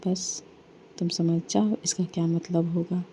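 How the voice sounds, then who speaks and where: A woman's voice: lowish voice, steady tone, unhurried, warm tone, a little hiss or hum. A woman voicing a confident, teasing young woman who turns coolly formal when annoyed.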